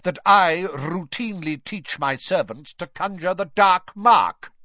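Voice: mid-range voice, measured pace, pushed and bright, dry recording, lo-fi sound, voice pushed up. Narrator as a barking, imperious male official. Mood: cold anger. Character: stern, proud older male ministry official, coldly indignant.

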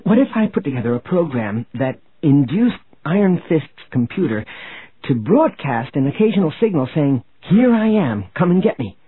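A man's voice: fairly high pitch, big pitch swings, normal speed, slightly rough, no echo, voice pushed up. A man voicing an eager young male technician officer in an audiobook. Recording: tinny phone-like audio.

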